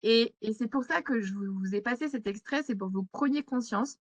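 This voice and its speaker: A woman's voice: fairly high pitch, a little fast, dry recording. A woman trainer leading a live online session, hesitant with many fillers as she reads out chat replies. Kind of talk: live webinar teaching. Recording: slightly muffled webinar audio.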